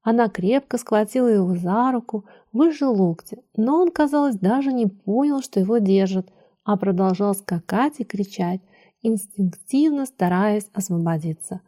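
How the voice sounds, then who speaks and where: A woman with a mellow, warm tone reads a story aloud. Her narration is measured and even, in the manner of a scripted audiobook. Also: medium pitch.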